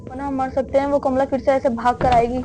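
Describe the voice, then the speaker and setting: A woman's voice: high-pitched, flat delivery, fast, noisy background. A young woman hosting a horror game let's-play, chatting casually to viewers and keeping up a stream of questions to a helper beside her. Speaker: gaming video host.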